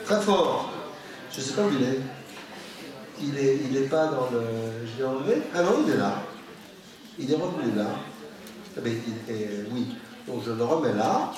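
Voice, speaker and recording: A man's voice: mid-range voice, moderate pace, long pauses, a crowd in the background. Chatty man lecturing in an echoey hall. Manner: lively, chatty, with asides and muttering to himself. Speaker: professor giving a public lecture. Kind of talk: informal public science lecture. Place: large public lecture room. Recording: very echoey hall, voice picked up from far.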